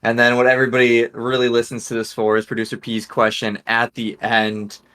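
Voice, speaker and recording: A man's voice: medium pitch, monotone, a little fast, a bit bright. Man hosting a casual sports chat. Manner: leads the talk, lines up topics and questions. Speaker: podcast host.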